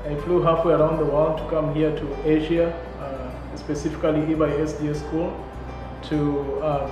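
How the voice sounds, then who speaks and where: A man from Kenya, a teacher, speaking haltingly and earnestly about his work. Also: a little high. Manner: halting, with many uh fillers. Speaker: history and economics teacher. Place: classroom indoors. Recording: very echoey room with music.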